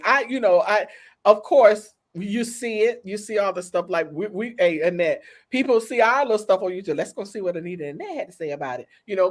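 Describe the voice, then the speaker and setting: A woman co-hosting a talk show, chatting casually and with animation, laughing and calling out to her audience. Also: mid-range voice. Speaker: co-host. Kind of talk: casual chat.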